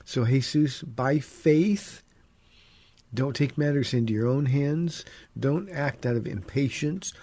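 Feeling under the weather, a man's voice sits deeper than normal as he hosts a call-in radio show as a pastor. He takes it slowly, teaching from the Bible in a relaxed, conversational way with frequent fillers, in a radio studio.

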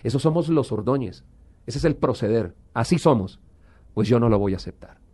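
A man's voice: medium pitch, expressive, fairly quick, dark tone, husky. A middle-aged man giving an earnest personal testimony as an interview guest, sometimes slipping into a preacher's manner.

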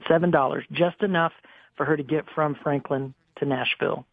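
A man's voice: on the high side, steady tone, a little fast, creaky, dry recording. A man in his forties, a guest singer, telling personal stories in an earnest, emotional way with many restarts. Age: 40s. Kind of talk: candid storytelling on a radio interview. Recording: dry, phone-like line.

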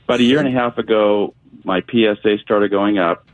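A man in his sixties calling in to a radio show, talking haltingly with restarts and clearing his throat. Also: fairly low pitch, dry recording. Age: 60s. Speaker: caller. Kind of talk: call-in question. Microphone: telephone. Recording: phone line.

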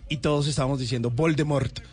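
A man's voice: mid-range voice, fairly even intonation, quick pace, a little mellow, soft background music. A man hosting a casual chat, rambling on with trivia. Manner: enthusiastic, rambling storyteller. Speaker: host.

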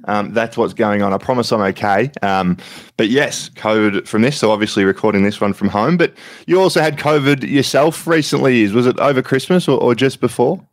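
A friendly Australian man hosts a podcast interview from home, sounding a little throaty from covid. His pitch sits in the middle and his talk is relaxed and chatty. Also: brisk. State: has covid, a bit throaty. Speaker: podcast host.

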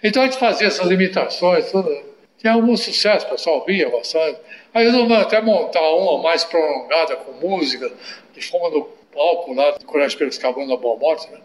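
An older Brazilian man with a fairly high voice tells stories in an animated, anecdotal manner. His talk is full of little tag questions. The sound carries an echoey room. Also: fairly quick. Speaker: interview guest. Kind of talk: storytelling in an interview.

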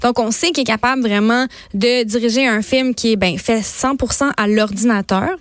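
A woman's voice: a little high, normal speed, no echo. A woman with a Québécois accent chatting casually as a culture columnist, with lots of hesitations and fillers. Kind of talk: casual chat recommending films and series.

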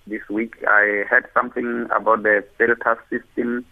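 Gravelly man over the phone. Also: medium pitch, level tone. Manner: hurried, halting with fillers. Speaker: radio call-in caller. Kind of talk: casual call-in question. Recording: tinny phone line.

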